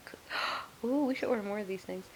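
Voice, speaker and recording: A woman's voice: medium pitch, a little fast, slightly rough. A woman co-hosting a podcast in casual chat, bubbly and talkative, laughing often. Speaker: podcast co-host.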